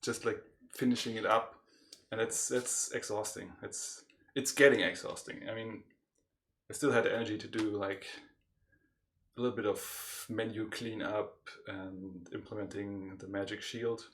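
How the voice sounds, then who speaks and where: A man's voice: on the low side, fairly even intonation, measured pace, a bit bright, a little hiss or hum. A tired man co-hosting a casual livestream chat, laughing often and hesitating with lots of fillers. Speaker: podcast co-host and game developer.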